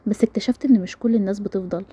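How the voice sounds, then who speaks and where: A woman with an Egyptian accent voicing an earnest, jealous young man in love, quiet, sincere and a bit guarded. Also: mid-range voice, very fast, husky, dry recording. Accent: Egyptian Arabic.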